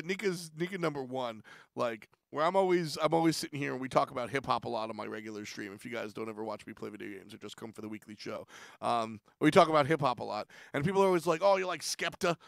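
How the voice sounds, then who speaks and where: A man's voice: medium pitch, creaky, a bit bright, no room sound, studio quality. A man hosting a weekly stream show, rambling through casual commentary in a playful, self-deprecating way.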